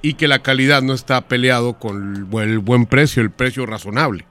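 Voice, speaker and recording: A man's voice: medium pitch, fairly bright tone, voice pushed down, natural voice. A man putting on a rambling pompous engineer. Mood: fussy. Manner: rambling, stalling with fillers, spells letters slowly. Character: pompous rambling male hotel-owner engineer, middle-aged. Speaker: prank caller. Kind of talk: radio prank call.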